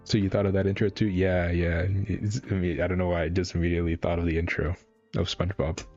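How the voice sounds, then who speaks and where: A man's voice: low-pitched, flat delivery, fast, mellow, highs cut off, soft background music. A man casually reacting live to a webcomic, reading panels aloud and rambling with lots of fillers and restarts.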